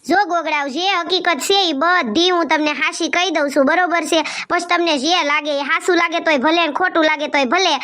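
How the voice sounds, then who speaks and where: A woman's voice: high voice, pushed and bright. A woman acting in a village family comedy skit, pleading and rambling. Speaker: comedy video creator.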